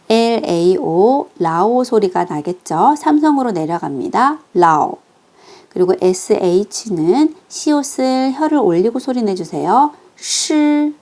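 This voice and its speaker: A woman teaching a recorded online language lesson, patiently walking through pronunciation with slow, careful demonstrations. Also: medium pitch, warm tone.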